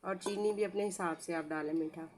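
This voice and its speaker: A woman's voice: lowish voice, fairly even intonation, brisk, a little mellow. A middle-aged woman with a Pakistani Urdu accent, chatting through a home cooking tutorial with homely, rambling asides. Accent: Pakistani Urdu, village Saraiki-like dialect. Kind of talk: casual cooking tutorial chat.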